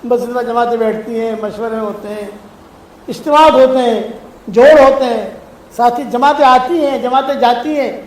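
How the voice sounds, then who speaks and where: A man's voice: extremely high pitch, steady tone. A male preacher giving a sermon, telling stories with acted dialogue and pressing his listeners to promise things. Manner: storytelling, acts out dialogues; keeps asking the audience for promises. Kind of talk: Islamic sermon. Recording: echoey hall, faint noise.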